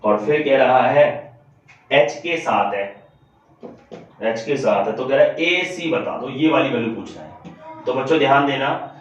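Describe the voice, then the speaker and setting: A man's voice: mid-range voice, expressive, measured pace, long pauses, soft background music. A man teaching math to students in a classroom-style lesson. He repeats each step aloud and keeps calling on the students to listen closely. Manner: repetitive, addresses students often, walks through steps aloud. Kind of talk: classroom-style lesson solving board problems. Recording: echoey room from a distance, dull lo-fi sound.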